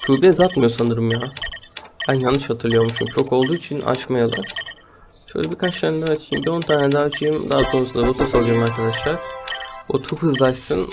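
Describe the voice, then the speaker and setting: Man, gravelly voice, chatty gameplay commentary, music playing behind. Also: mid-range voice. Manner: chatty, addresses viewers as friends, grumbles and laughs at bad luck. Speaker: gaming YouTuber. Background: background music.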